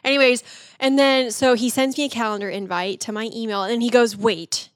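Chatty late-twenties woman, higher voice. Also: steady tone, a little fast, no echo, studio quality. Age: late 20s. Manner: chatty storytelling with constant "like" fillers. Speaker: podcast co-host. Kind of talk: casual chat.

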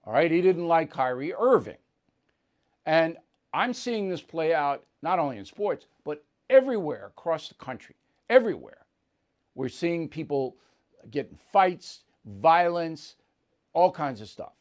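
A man's voice: fairly high pitch, lively intonation, unhurried. A man hosting an opinionated commentary monologue, emphatic and repeating words for punch. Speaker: host.

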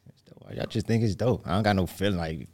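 A man's voice: deep voice, fast talker, darkish tone. A man with a Brooklyn New York accent, chatting casually in slangy, street-style speech as a guest. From New Jersey, US. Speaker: hot seat guest, aspiring motivational speaker. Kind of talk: casual conversation.

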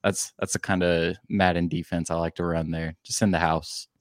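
A male sports co-host talks casually about football. His voice is deep, with very little rise and fall, and the sound is close and dry. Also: flat delivery, moderate pace, no room sound.

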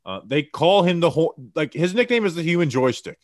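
A man co-hosting a casual sports podcast, talking fast and excitedly with lots of fillers and restarts. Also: on the high side, no echo, studio quality. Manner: excited, rambling with many fillers. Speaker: podcast co-host. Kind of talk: casual sports analysis chat.

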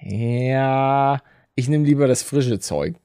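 A man's voice: medium pitch, slow, warm tone, smooth, dry recording, studio quality. A man from the Rhineland co-hosting a podcast, joking and teasing in casual banter. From Rhineland, Germany. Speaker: podcast co-host.

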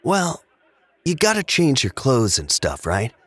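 An actor playing a laid-back stoner roommate who talks in an unbothered, drawling slacker way. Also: male voice, medium pitch, huge pitch swings, a little slow, fairly bright tone, slightly rough, no room sound, some chatter behind, exaggerated voice. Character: laid-back stoner male roommate, easygoing and munchie-minded. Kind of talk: audio drama acting.

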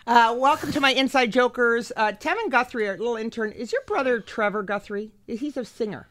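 A woman's voice: a little high, brisk, fairly bright tone. A woman hosting a comedy talk show on the radio, chatting in an effusive, joking and self-deprecating way. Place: radio studio.

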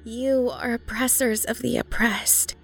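A woman voicing a possessed teenage girl whose voice sounds warped, with a raspy rumble under the girl's tone, speaking slowly and coldly. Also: fairly even intonation, faint music behind. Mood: menacing. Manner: slow, cold, accusing.

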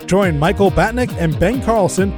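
A woman's voice: mid-range voice, expressive, moderate pace. A woman announcer reading a scripted podcast introduction. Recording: music under the announcement.

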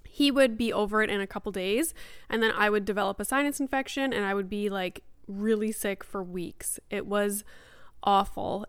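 A woman in her thirties hosts a casual solo podcast with a slightly nasal voice. Her tone is clean and smooth, and the sound is close and dry. She talks informally, like she is chatting to a friend. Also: medium pitch, no echo. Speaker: podcast host.

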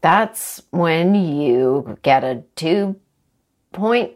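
A woman's voice: low-pitched, expressive, very slow, darkish tone. A woman in casual chat, playfully guessing at sports terms and acting out little scenes. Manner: playful, acts out scenes in bursts of voices. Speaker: quiz guest.

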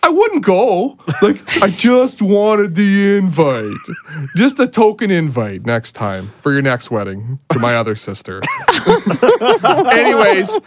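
A man's voice: high-pitched, huge pitch swings, slow pace, a little hiss or hum. A man, a radio co-host, leaving a rambling, sheepish voicemail on a studio mic and laughing at himself. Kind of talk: casual on-air chat.

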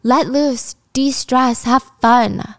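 A woman's voice: fairly high pitch, drawn-out words, no echo, clean studio sound, pitched above the performer's own voice. A woman voicing a spoiled rich young party girl who sneers and whines, in a drama recap. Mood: mocking. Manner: whiny, mocking.

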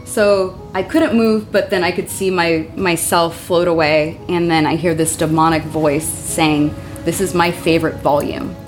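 A woman with a lowish voice tells her story in a rambling, earnest way and circles back with restarts. Faint music sits behind her. It sounds like a relaxed interview chat. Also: a little slow, hardly any pauses. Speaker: current tenant of the house.

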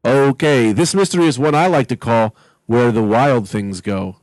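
A man's voice: medium pitch, moderate pace, a little mellow, no echo, rough recording. Casual man reading a script, close and dry. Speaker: script writer and reader at a comedy table read. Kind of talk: reading narration and banter, casual.

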